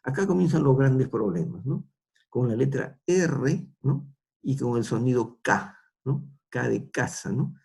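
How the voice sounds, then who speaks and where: A man's voice: medium pitch, animated, unhurried, creaky, darkish tone, slightly rough. A middle-aged man with a Peruvian accent, lecturing students and tagging nearly every phrase with a question, with frequent restarts. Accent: Peruvian Spanish. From Peru.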